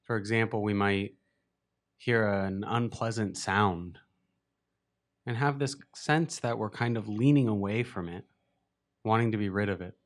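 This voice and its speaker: Gentle and unhurried, this low-voiced man works as a meditation teacher and talks listeners through a guided meditation. He lets long pauses hang between his instructions.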